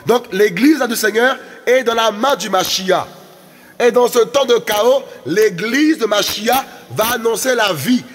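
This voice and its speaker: A man's voice: extremely high pitch, a little slow, a bit bright, in a large hall. A man preaching a fiery sermon, exhorting and repeating words as he urges his listeners on.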